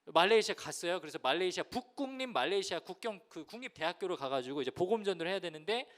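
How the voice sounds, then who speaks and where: A man in his thirties preaching a lively youth sermon, telling a story and acting out the voices in it. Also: high-pitched, fast talker. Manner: animated, acts out quoted voices, addresses listeners directly. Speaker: youth pastor.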